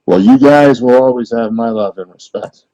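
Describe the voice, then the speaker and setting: Man, phone caller, mellow dark voice, halting, dull phone sound. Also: mid-range voice. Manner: halting, lots of uh and you know. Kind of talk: phone-in chat.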